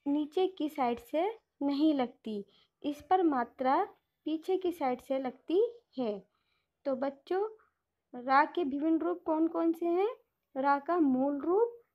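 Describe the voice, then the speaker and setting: A woman's voice: high-pitched, dull audio. A woman teaching a primary school class online, explaining patiently and often addressing the children directly.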